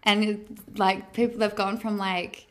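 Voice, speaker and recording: A woman's voice: medium pitch, flat delivery, slow. A woman co-hosting a podcast, chatting casually in an effusive, slangy, girlfriend-to-girlfriend way. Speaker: podcast co-host.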